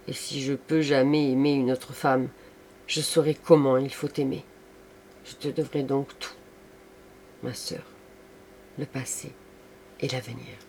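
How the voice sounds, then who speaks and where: A man's voice: mid-range voice, flat delivery, a little slow, vocal fry, long pauses, a little mellow, a little hiss or hum. A man doing a pleading, remorseful young artist. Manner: pleading, impassioned. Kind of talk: audiobook reading.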